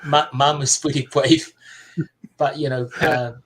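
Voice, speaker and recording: A man from Samoa, a podcast guest telling his life story in a casual chat, soft-spoken and halting, with many fillers and restarts. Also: medium pitch, flat delivery, over a noisy crowd, poor audio.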